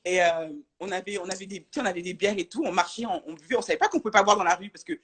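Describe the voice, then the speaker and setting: A woman's voice: mid-range voice, racing, a crowd in the background. A woman talking as a guest in a casual live-stream chat, hesitant, with many restarts, over a video call.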